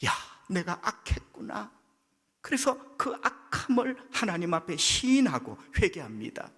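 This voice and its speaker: A male pastor with a Gyeongsang accent preaching a sermon, leaping in pitch as he acts out quoted voices. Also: sing-song, measured pace, a bit bright, slightly rough. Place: church sanctuary. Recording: long church hall reverb.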